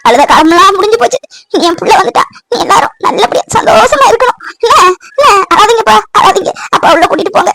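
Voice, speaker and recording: A woman doing a tearful, very high village mother. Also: expressive, quick pace, creaky, a bit bright, full character voice, low-quality recording. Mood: bustling. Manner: pleading, soothing, then bustling. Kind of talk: animated family drama voice acting.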